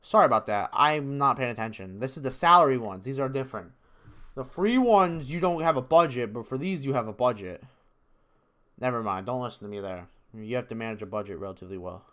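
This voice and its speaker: A man casually talking through his predictions in a vlog, excitable, rambling and swearing freely. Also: fairly low pitch, quick pace, smooth. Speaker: esports video creator.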